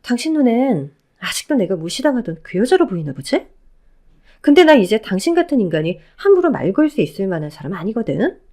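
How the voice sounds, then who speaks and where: A woman playing a sharp-tongued divorced woman who answers her ex-husband coldly and with contempt, in a Korean audio drama. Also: fairly high pitch, sing-song, a little fast. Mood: scornful. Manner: cutting, scornful. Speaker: flight attendant.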